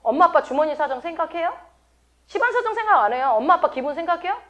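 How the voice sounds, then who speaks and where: A woman's voice: very high-pitched, expressive, fast, fairly bright tone. A middle-aged woman pastor giving a sermon in a conversational way, often asking her listeners questions. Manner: conversational, asks the congregation many questions.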